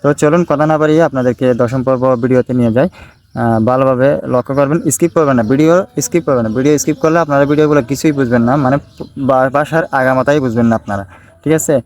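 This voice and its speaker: Fast-talking Bangladeshi man teaching. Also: mid-range voice, steady tone, a little mellow. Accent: Bangladeshi Bengali. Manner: repetitive, checks in with "ঠিক আছে?". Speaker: language teacher. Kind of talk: casual screen-recorded lesson.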